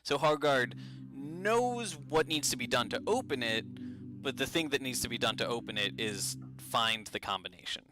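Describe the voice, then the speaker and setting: A young man narrating as game master of a tabletop game, relaxed and full of hesitant fillers. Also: mid-range voice, moderate pace, over music.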